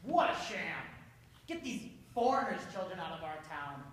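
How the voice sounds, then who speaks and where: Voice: medium pitch, very animated, moderate pace, lightly acted. An amateur stage actor playing a belligerent, sneering small-town drunk who rants and heckles. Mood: scornful, accusing. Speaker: actor at a play rehearsal. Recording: distant, very echoey room, faint noise.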